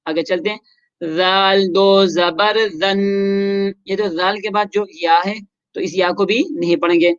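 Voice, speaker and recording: A Quran recitation teacher running a tajweed lesson, chanting syllables slowly in drills and explaining rules in quick asides. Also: mid-range voice, steady tone, dry recording. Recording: dull lo-fi recording.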